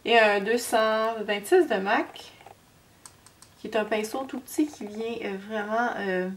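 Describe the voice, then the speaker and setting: A beauty vlogger with a Québécois French accent and a head cold chats her way through a makeup tutorial, hesitant and full of fillers and slips. Her voice is a little high and her pace measured. The mic is distant, with faint noise.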